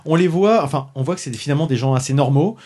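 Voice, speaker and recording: A man with a slightly high voice hosts a casual podcast chat into a studio microphone. He talks in a hesitant, searching way, full of fillers and restarts. His tone is relaxed and conversational. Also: fast talker, slightly rough. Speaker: podcast host reviewing a concert box set.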